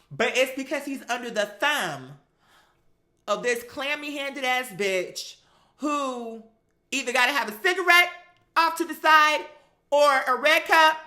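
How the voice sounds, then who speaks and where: An online talk show host with a high, pushed, bright voice chats casually and tells gossipy stories. Her delivery is sassy, profane, emphatic and dramatic.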